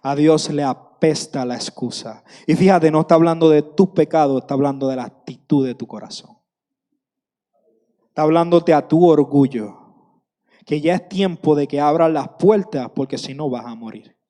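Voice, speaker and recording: Impassioned preacher in a reverberant hall. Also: male voice, fairly high pitch, moderate pace, dark tone. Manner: impassioned, repeats phrases for emphasis. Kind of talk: sermon.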